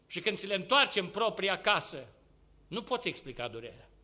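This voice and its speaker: High, bright-voiced impassioned male preacher. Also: big pitch swings. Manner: impassioned, swings between loud urging and hushed asides; rhetorical questions to the congregation. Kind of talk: sermon.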